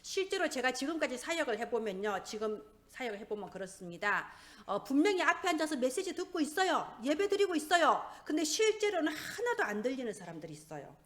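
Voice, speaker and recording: A woman's voice: high voice, sing-song, brisk, a bit bright. A woman pastor preaching a sermon, asking her congregation rhetorical questions.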